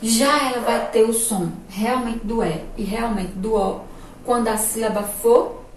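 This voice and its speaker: A woman teacher with a Sergipe Brazilian accent leads a remote spelling lesson for small children, speaking slowly and gently checking that they follow. Her voice echoes around the room. She sits some way back from the mic. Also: fairly high pitch, distant mic, noisy background. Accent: Sergipe Brazilian Portuguese. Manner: slow, patient, asks checking questions. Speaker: primary school teacher.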